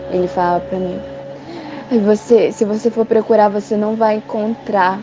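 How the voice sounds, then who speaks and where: A young woman from Brazil giving a spoken church testimony of a vision, halting and repetitive with many restarts. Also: mid-range voice, little pitch movement, mellow, lo-fi sound, faint music behind. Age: young adult.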